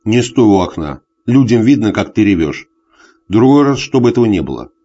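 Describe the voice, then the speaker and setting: A man puts on a tipsy, jealous husband, bullying and full of threats, his low voice hollow and tearful and swinging wildly in pitch. The sound is a dull, lo-fi audiobook recording. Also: very animated, a little fast, mellow. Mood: grumbling. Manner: hoarse tearful bullying rants. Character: drunk jealous husband, middle-aged, bullying.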